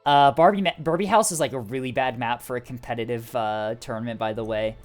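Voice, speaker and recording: A man's voice: mid-range voice, a little fast, faint music behind. Man casting a strategy game tournament. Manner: chatty, filler-heavy play-by-play with frequent "uh" and "um". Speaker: tournament caster. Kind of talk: live-streamed esports commentary.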